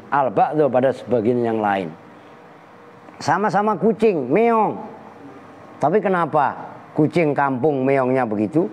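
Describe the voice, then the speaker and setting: Man teaching a religious text. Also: fairly high pitch. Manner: jokey and animated, mimics animal sounds, chants Arabic slowly. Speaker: Islamic boarding school teacher. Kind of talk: kitab lesson with Arabic recitation. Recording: long reverb with faint ambient noise.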